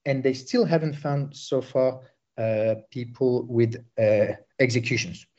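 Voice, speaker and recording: Halting Bosnian-born war reporter. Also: male voice, medium pitch, fairly even intonation, darkish tone, dull audio. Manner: halting, many fillers and restarts. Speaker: war correspondent. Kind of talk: field report interview.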